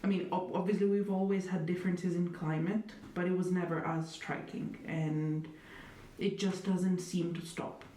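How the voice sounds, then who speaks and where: A young Italian woman is interviewed in a reflective, conversational way, thinking aloud with many hedges and fillers and a wry, dry humor. Her voice is lowish and warm, fairly even in intonation and at normal speed, recorded in an echoey room on a distant mic with faint noise.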